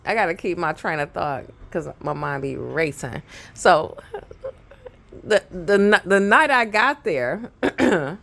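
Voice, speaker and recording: A woman's voice: lowish voice, animated, slow pace, gravelly, a bit bright. A woman in her thirties with a Brooklyn accent, telling a rambling family story to camera and laughing often. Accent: Brooklyn, New York. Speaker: vlogger.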